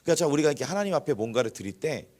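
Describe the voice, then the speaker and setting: A man's voice: on the high side, racing. A man preaching a sermon in church, talking conversationally to the congregation and acting out small examples along the way. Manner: animated, conversational, acts out examples. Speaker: pastor.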